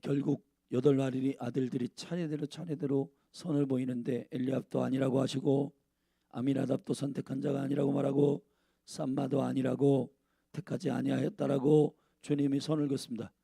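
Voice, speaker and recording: A man's voice: medium pitch, little pitch movement, a little fast, gravelly, warm tone, slightly rough, no room sound, clean studio sound. A male pastor preaching a sermon, speaking emphatically and addressing the congregation directly.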